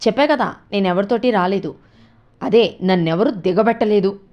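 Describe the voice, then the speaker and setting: A woman's voice: fairly high pitch, fast, lo-fi sound, pitched above the performer's own voice, close to an everyday voice. A woman voicing a snappy, sarcastic young college girl in a read-aloud story. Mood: defiant. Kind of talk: storytelling with character voices.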